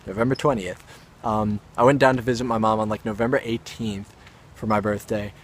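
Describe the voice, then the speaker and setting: A man's voice: fairly low pitch, steady tone, a little fast. A young adult man, an actor, casually telling a story to camera in a rambling way, with self-aware asides. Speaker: actor and vlogger.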